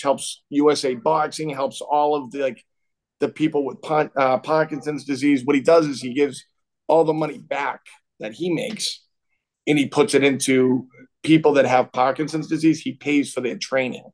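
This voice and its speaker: A man's voice: mid-range voice, fairly even intonation, normal speed. A man with a Boston accent who trains boxers, talking in an earnest, reflective way. His speech is loose and full of fillers as a podcast guest. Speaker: boxing trainer. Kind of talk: casual podcast interview.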